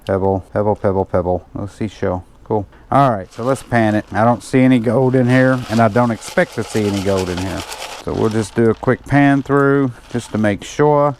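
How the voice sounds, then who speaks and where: A man's voice: fairly low pitch, darkish tone, a little hiss or hum. A man hosting a gold panning channel, chatting casually and joking at his own expense as he works through a hands-on demonstration. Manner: chatty, joking self-mockery, talks while working. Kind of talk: casual hands-on demo vlog.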